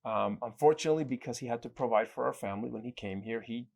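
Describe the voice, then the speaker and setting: A man's voice: medium pitch, fast, gravelly, a little mellow. A man from El Salvador, a guest in an interview, telling his story reflectively, with frequent restarts and fillers. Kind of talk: conversational interview.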